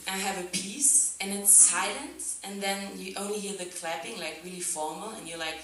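A young German woman, a non-native English speaker, reflects casually on her art as a festival guest, seated on a sofa on a theatre stage before an audience, using a handheld mic. Her mid-range voice is fairly bright, at a moderate pace, thoughtful, full of "like" and "um," and she laughs often. The hall is very echoey, she's far from the camera, and there's a little hiss or hum.

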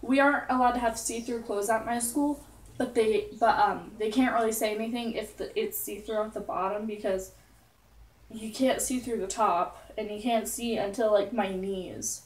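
A teenage girl chats away in a casual vlog, drifting into asides and filling gaps with "like". Her voice sits fairly high. She sounds set back from the mic, with her bedroom echoing around her. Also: steady tone, normal speed, far from the mic. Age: teens. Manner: rambling and giggly, full of asides and "like". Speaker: vlogger.

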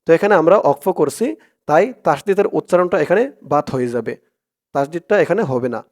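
A man with a Bangladeshi Bengali accent teaching Quran reading, spelling out letters and vowel marks one by one, then reciting each phrase slowly with long drawn-out vowels. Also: on the high side, lively intonation, a little mellow. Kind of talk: step-by-step Arabic reading lesson.

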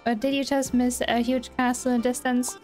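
A woman's voice: fairly high pitch, level tone, normal speed, darkish tone, faint music behind, pitched above the performer's own voice, close to an everyday voice. A woman reading the lines of a grumbling male snail villager from a game. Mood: complaining. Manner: complaining, gossipy. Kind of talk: reading game dialogue aloud.

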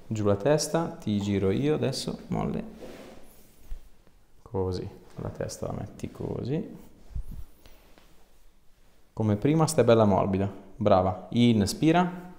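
In an echoey little treatment room, a chiropractor walks a patient through a hands-on exam with brief, reassuring directions and easygoing explanations. His low, mellow voice is slow and sing-song, with vocal fry and frequent pauses.

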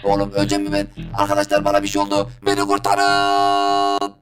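A man voicing a monstrous male robot vacuum cleaner through a pitched-down voice changer, bewildered and panicky, calling for help. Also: completely flat delivery, brisk, over loud music.

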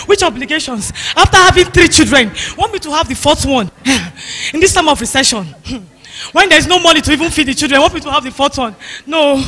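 An actress playing an exasperated wife who pleads and insists in a stage drama. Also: female voice, sits high, animated, brisk, bright, forceful tone. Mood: stubborn. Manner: pleading, insistent, quotes scripture. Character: exasperated wife refusing more children. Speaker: stage actor.

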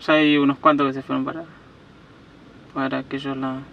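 A man's voice: mid-range voice, level tone, fairly quick, creaky, distant mic, lo-fi sound. A young man with an Argentine accent, chatting casually as he films a trip to a lake. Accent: Argentine Spanish. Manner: chatty, asks questions, talks to a dog. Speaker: vlogger. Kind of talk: casual travel vlog. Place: outdoors by a lake, then inside a van. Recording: faint outdoor noise.

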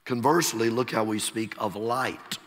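A middle-aged man with a Texas accent, preaching a sermon slowly and emphatically, letting his phrases fall away softly at the ends. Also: mid-range voice. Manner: slow, emphatic preaching with soft trailing endings. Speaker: pastor. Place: large church sanctuary. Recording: long church hall reverb.

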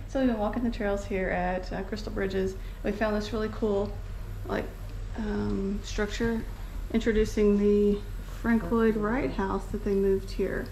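A woman's voice: mid-range voice, little pitch movement, a little slow, over music, low-quality recording. A woman chatting casually into a handheld camera, pointing out sights as she walks an outdoor wooded trail. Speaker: vlogger. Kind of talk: casual walking commentary.

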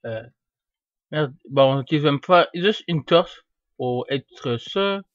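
A young man giving casual, rambling commentary while he plays, getting excited and yelling at the game now and then. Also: fairly high pitch, slow, no echo. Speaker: gamer. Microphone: desk microphone. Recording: dull, dry home mic.

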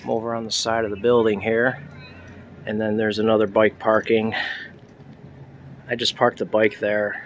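A man's voice: lowish voice, little pitch movement, moderate pace, long pauses, slight background noise. Chatty man narrating a station walk. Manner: chatty, pointing things out as he walks. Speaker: vlogger. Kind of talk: casual walking tour narration. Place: outdoors at a town train station plaza.

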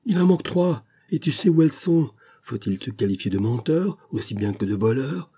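A man reading aloud plays an outraged middle-aged banker father who shouts accusations at his son. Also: on the low side, lively intonation, moderate pace, slightly rough.

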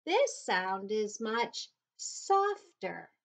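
A woman reading the lines of a curious young boy who searches for a sound in a storybook, in a slow, careful storybook delivery. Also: medium pitch, sing-song, fairly bright tone, full character voice. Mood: puzzled.

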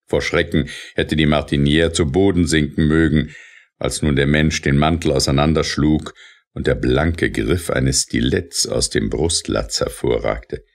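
A man giving dramatic, expressive audiobook narration. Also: extremely low pitch, a little slow, creaky.

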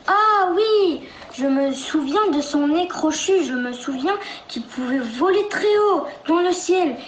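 In a roomy recording with faint noise, a woman narrates a children's storybook. Her voice is very high and bright, and she takes her time. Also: lively intonation, measured pace.

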